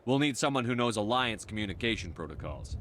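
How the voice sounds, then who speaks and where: An actor voicing a human military commander in a video game, direct and practical. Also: male voice, fairly low pitch, animated, fast talker, fairly bright tone, a little hiss or hum. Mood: decisive. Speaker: player character commander.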